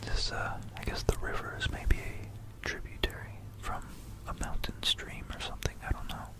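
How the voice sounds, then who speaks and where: An ASMR host, close to a binaural mic, whispers a loose, informal history account in an unvoiced, breathy tone. Halting and musing throughout, they often repeat phrases.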